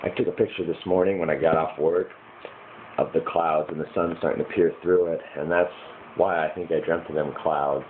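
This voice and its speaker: American man, deep voice, hazy puzzled dream recounting, casual rambling, muffled noisy recording. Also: steady tone, fairly quick. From United States, Michigan. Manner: hazy, puzzled, groping to remember. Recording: muffled lo-fi with clear background noise.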